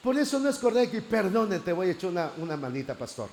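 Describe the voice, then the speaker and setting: A man preaching a church class, telling his story with lively acted-out prayers. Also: high voice, quick pace. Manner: animated storytelling, acting out prayers.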